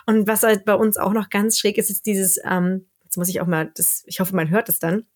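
Lively German woman chatting. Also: medium pitch, moderate pace. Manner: lively, laughs often, imitates sounds. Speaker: podcast co-host; teacher. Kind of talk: casual chat. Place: lives in northern Sweden.

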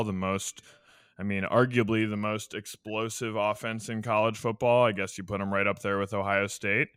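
Bright, crisp low-voiced man co-host. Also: no room sound, clean studio sound. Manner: confident, assertive opinions. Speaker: podcast co-host. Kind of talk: casual sports talk.

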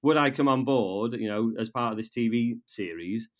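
A North Welsh man in his fifties, with the region's accent, is a guest in a casual interview. His mid-range voice comes out haltingly, with repeated words and restarted sentences.

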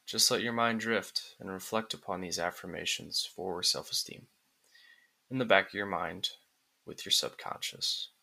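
A man narrating a guided relaxation script like a sleep story, in calm, soothing, deliberate phrases with pauses. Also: low voice, gravelly.

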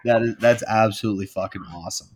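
A man hosting a casual podcast, talking in a relaxed, amused way. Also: lowish voice, fast. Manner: relaxed, laid-back, amused. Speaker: podcast host.

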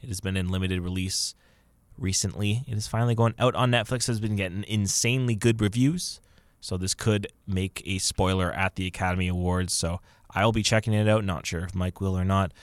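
Casting note: male podcast co-host with a lowish voice, upbeat news rundown, dry close sound. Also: steady tone, fairly quick, no room sound. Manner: upbeat, reads news items off a list. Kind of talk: casual movie news chat.

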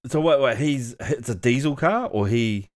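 A man's voice: mid-range voice, lively intonation, moderate pace. A man with a New Zealand accent hosting a podcast in laid-back, slangy, sweary casual chat. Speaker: podcast host.

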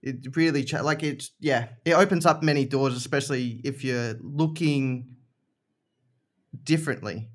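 A man's voice: mid-range voice, a little slow. A man chatting casually as a podcast guest, explaining things informally and repeating short phrases for emphasis. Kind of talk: casual chat.

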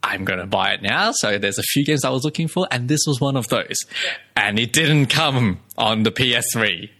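Bright-voiced man in animated casual chat. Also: medium pitch, normal speed. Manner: animated, repeats words for emphasis, laughs often. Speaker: podcast co-host.

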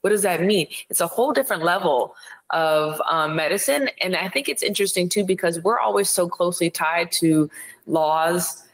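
A woman from Ohio, a psychiatrist guest, talking in a direct, blunt and animated way in a casual interview. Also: on the low side, moderate pace, rough recording. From Ohio, USA.

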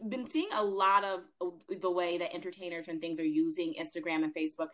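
A woman's voice: fairly low pitch, steady tone, a little fast. A woman hosting a casual interview in an informal, chatty, conversational way. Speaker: interviewer, host.

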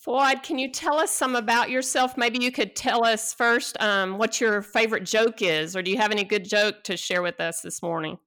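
A woman hosting a podcast, opening the episode in a measured way. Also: a little high, fairly bright tone, dry recording. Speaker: podcast host.

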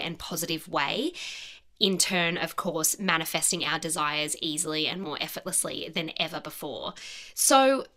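Female podcast host, slightly low register, bright clear-cut tone, earnest and encouraging self-help delivery. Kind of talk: scripted self-help podcast monologue, conversational.

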